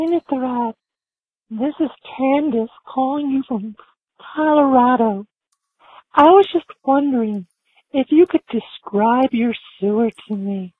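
A woman caller leaving a flirty, suggestive voicemail, played back over the air from a phone line. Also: high-pitched. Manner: flirty, suggestive, drawn-out questions.

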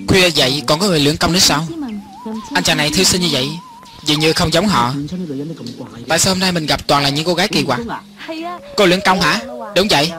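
A man reading every part of a film as a voice-over, in an even and lightly acted way. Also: a little high, brisk, long pauses, over music. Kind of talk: lector voice-over reading all parts.

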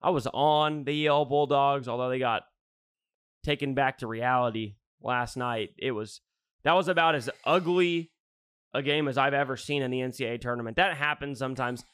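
A man co-hosting a casual sports podcast, blunt and profane, telling animated stories. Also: medium pitch, moderate pace, clean tone, dry recording, studio quality. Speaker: podcast co-host.

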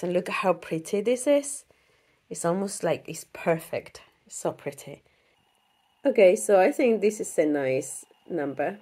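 Woman vlogger, hoarse from a cold, slightly low, lively pitch; casual, rambling sewing chat. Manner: chatty, rambling with fillers and restarts.

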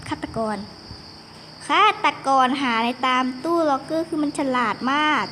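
Young girl, high-pitched voice, casual gaming commentary, chatty, exclaiming, noisy recording. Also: unhurried, pushed and bright. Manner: chatty, exclaiming, talks to viewers. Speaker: gaming video host. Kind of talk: casual live game commentary.

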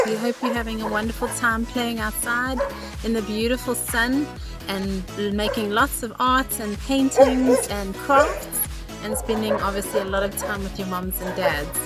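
A woman in her thirties giving a teacher's video message to children, recorded outdoors. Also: fairly high pitch. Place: outdoors in a leafy garden. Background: prominent music.

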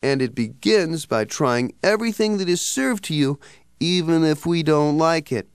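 A woman's voice: deep voice, expressive, normal speed, clean tone, no room sound, studio quality. A woman voicing a fussy young boy in a cartoon who lectures and scolds about table manners. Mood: instructive. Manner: scolding, instructive. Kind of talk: cartoon voice acting.

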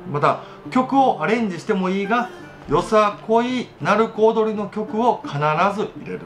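A man's voice: high-pitched, animated, unhurried, a bit bright, soft background music. A man with a Kochi Tosa accent hosting a casual solo radio talk, chatty and self-mocking as he demonstrates dialect phrases. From Kochi, Japan. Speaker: radio show host, voice actor.

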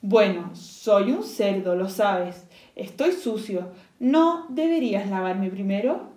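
A woman voicing a small, frightened but clever piglet in a read-aloud storybook, with high squealing pleas. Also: expressive, slow pace, a little mellow. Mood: coaxing. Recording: echoey room.

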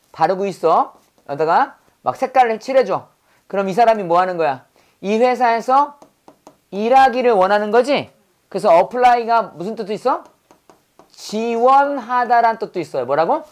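Man drilling English words in class. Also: high voice. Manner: drills words, asks quiz questions, corrects pronunciation. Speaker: pastor teaching English vocabulary. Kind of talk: classroom lesson with call-and-response drills.

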